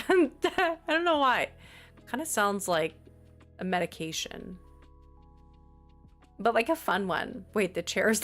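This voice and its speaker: During a relaxed live stream, a woman with a mid-range voice drawls through chat with her viewers, giggly and talkative as she answers them. Her unhurried speech plays over faint game music.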